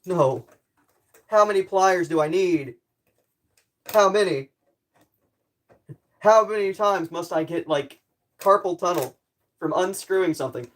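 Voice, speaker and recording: A man's voice: high-pitched, unhurried, pauses often. A man livestreaming casually, rambling jokey self-deprecating commentary to his viewers while he works with tools.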